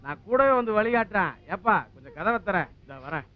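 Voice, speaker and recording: High-voiced teasing village guy, dull lo-fi sound. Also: animated, brisk. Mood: chatty. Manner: teasing, bantering. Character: joking, chatty male villager. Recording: dull lo-fi film audio.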